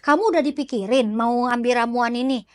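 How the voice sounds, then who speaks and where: Sly healer, calm matter-of-fact instructions, high and close, played by a woman. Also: brisk, no echo, natural voice. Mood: sly instructing.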